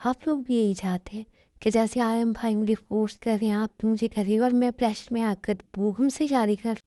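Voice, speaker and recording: A defiant, tearful young woman pleads with her family, her voice fairly high and mellow, as a woman narrator puts her on. The sound is close and dry, with no room around it, told as an amateur fan-dub story. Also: steady tone, normal speed, no room sound, natural voice. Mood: upset. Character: young woman in love, tearful, refusing arranged marriage.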